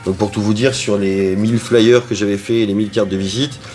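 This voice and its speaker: A man's voice: on the low side, fairly even intonation, a little fast, a little mellow, soft background music. A man who owns and cooks at a restaurant, answering interview questions in a chatty way with frequent hesitations. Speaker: restaurant owner and cook.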